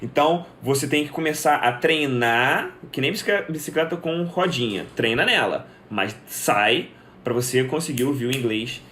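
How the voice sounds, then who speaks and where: A man's voice: medium pitch, lively intonation, moderate pace, fairly bright tone, slight background noise. A young man teaching in a live stream, answering viewers' questions and explaining step by step, often asking a question and then answering it himself. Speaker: English teacher.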